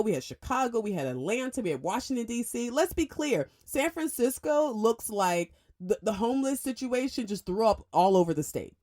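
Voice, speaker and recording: Opinionated and emphatic, this woman runs a radio talk show and speaks at length from the studio. She rushes ahead in bursts and pushes her pitch up abruptly to drive points home, staying animated throughout.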